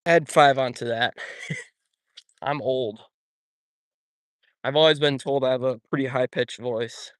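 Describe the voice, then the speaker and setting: Fishing at an outdoor pond, a young YouTuber live-streams, drifting from topic to topic and replying to viewers as he goes. His ordinary mid-pitched voice is slow with frequent pauses, and the recording is dry and close with no room sound.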